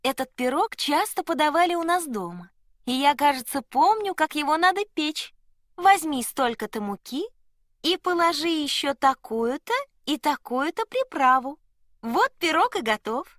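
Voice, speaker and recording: A storyteller voicing a wise, kindly female goose who calmly reassures a frightened dwarf in a storybook reading. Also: high-pitched, moderate pace, no room sound, studio quality, pitched above the performer's own voice. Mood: reassuring. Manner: calm, reassuring, helpful.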